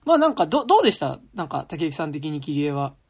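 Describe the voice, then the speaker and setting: Casual podcast co-host, young man, rambling, lively pitch, breathy edge. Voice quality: husky, drops to a whisper at times. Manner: rambling, heavy fillers, quick. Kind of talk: casual film chat.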